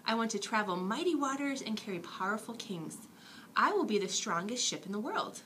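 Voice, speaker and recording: A woman's voice: fairly high pitch, animated, fairly quick, pushed and bright, a little hiss or hum. A woman voicing an earnest little tree with big dreams in a children's bedtime story. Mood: eager, dreamy.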